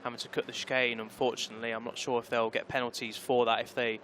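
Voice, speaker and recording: Male, motorsport commentator, live race commentary, rapid conversational delivery, mid-pitched, clear track noise. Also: little pitch movement, a bit bright.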